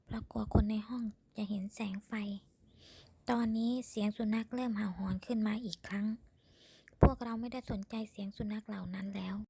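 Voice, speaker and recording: A woman narrating a ghost story in a hushed, suspenseful whisper. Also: fairly high pitch, slightly rough, no room sound.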